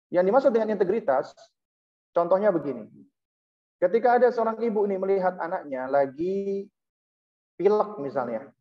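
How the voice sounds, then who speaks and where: A religious lecturer giving a parenting talk to a hall and an online audience. The delivery is unhurried and steady, explaining point by point with a frequent affirming "ya". The pitch sits mid-range, and the recording sounds somewhat dull and lo-fi.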